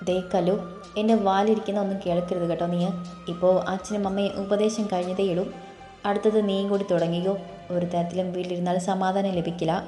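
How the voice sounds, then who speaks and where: A woman's voice: mid-range voice, little pitch movement, fairly quick, warm tone, lightly acted. A woman voicing an irritable young man, curt and stern, in a storybook reading with faint music in an echoey room. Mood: irritated.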